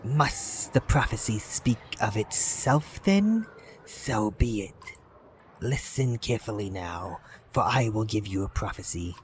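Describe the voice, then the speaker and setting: A man voicing an ancient monumental serpent that speaks slowly and menacingly. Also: on the low side, lively intonation, a little hiss or hum. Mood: ominous. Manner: slow, drawn-out, ominous delivery.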